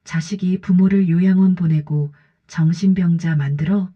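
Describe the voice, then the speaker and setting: Stern old mother voiced by a woman narrator, curt and firm, low husky voice, audiobook drama. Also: steady tone, moderate pace, dark tone. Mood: angry. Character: stern 68-year-old mother, cold and defiant. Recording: slightly dull lo-fi audio.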